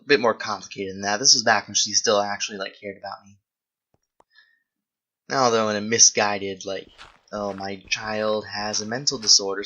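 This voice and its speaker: Answering viewer questions mid-game, this young adult host rambles casually, thinking out loud and frequently self-correcting. Their mid-range voice is pushed and bright with a breathy edge, and the sound is lo-fi.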